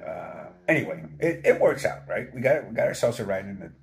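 A man's voice: medium pitch, big pitch swings, a little fast, creaky, soft background music. Laid-back guy in his 50s, mid voice, rambly and chuckly, phone vlog from a hotel room. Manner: easygoing, rambling, laughs at his own stories. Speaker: thru-hiker vlogger. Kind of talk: casual chat to camera. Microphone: phone at arm's length.

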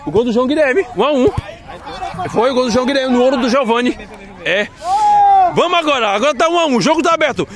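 A man giving rapid play-by-play commentary on an amateur football match at night, shouting out the goals. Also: very high-pitched, animated, a faint crowd. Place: outdoor floodlit football pitch at night. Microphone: handheld phone camera.

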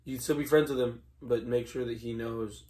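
A man's voice: medium pitch, fairly even intonation, moderate pace, warm tone. A young man chatting casually and giving blunt, brief, matter-of-fact advice as a co-host. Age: young adult. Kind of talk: casual chat. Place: small room at home, indoors.

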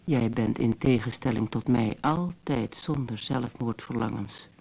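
An actor playing a bitter, teasing brother who muses to his sister in a slow, mocking monologue, in old radio drama style. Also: mid-range voice, vocal fry, mellow, low-quality recording. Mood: musing. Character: wry, bitter adult brother, teasing yet tender. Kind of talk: 1970s Dutch radio drama acting.

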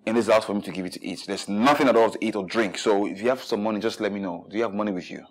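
A man's voice: lowish voice, rapid-fire, close to an everyday voice. An actor with a Nigerian accent playing an exasperated, broke young man in a film drama, blunt and sweary. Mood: weary, exasperated. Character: exasperated, broke young man scolding his smoking companion. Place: small indoor room.

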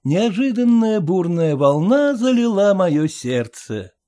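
A man narrating an audiobook in an expressive, theatrical reading style. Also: high-pitched, slow. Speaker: audiobook reader.

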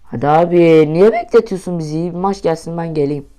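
A young man commentating his own mobile football match, swearing often, shouting at goals and muttering in between. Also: fairly high pitch, brisk. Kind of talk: casual gaming commentary.

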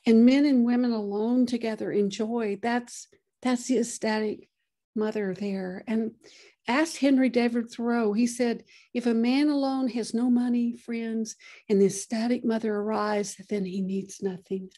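A woman giving a lecture, often pausing and restarting her sentences. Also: on the high side, fairly even intonation, mellow. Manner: halting, many restarts and fillers. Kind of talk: lecture presentation.

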